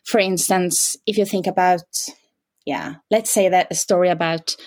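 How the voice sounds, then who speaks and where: A woman in her forties from Norway with a Norwegian accent, a guest answering interview questions with many pauses, fillers and restarts. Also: on the low side, fairly even intonation, a little mellow.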